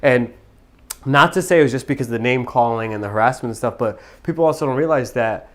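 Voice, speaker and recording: A Pakistani man in his thirties, appearing as a guest on a podcast, shares his personal story earnestly and reflectively. His voice is mid-range, and he speaks fast.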